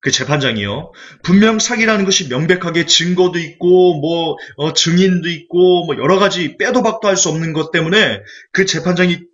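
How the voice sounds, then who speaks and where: A male evangelist preaching a sermon, animated and full of rhetorical questions to the congregation. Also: fairly high pitch, moderate pace, hardly any pauses. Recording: dull lo-fi recording.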